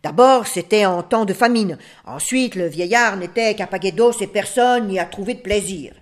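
A woman voicing a stern, proud she-wolf aunt in a storybook tale, sharp and scolding. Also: mid-range voice, moderate pace, natural voice. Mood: haughty scolding.

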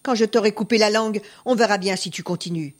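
A woman voicing a greedy, bullying male farmer who shouts and threatens. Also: mid-range voice, fast, natural voice. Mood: threatening. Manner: shouting, scolding.

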